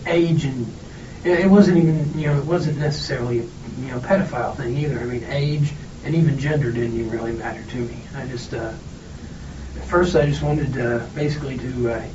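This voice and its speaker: Male suspect in questioning, jittery and halting, muffled sound with clear background noise. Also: medium pitch, a little mellow. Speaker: suspect being interviewed by police. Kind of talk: halting interview answers. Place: echoey interview room, far mic. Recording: muffled, noisy, echoey police room recording, distant mic.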